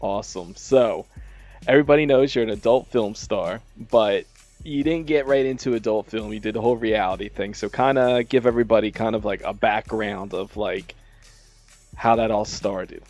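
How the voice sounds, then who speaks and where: A man's voice: lowish voice, normal speed, darkish tone, soft background music. A man hosting a radio show, interviewing a guest in a casual, laid-back way with loose, rambling questions. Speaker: radio host.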